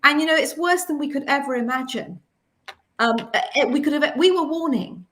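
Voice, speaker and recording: A woman hosting a panel discussion, talking in an animated, emphatic way with many restarts. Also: high-pitched, normal speed. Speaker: host.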